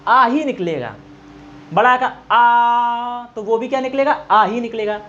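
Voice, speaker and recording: A man's voice: very high voice, lively intonation, normal speed, pushed and bright. A man teaching an exam-prep grammar lecture, asking and answering his own questions, stretching out vowel sounds and dictating notes. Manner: draws out vowel sounds to demonstrate. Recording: dull lo-fi recording with faint noise.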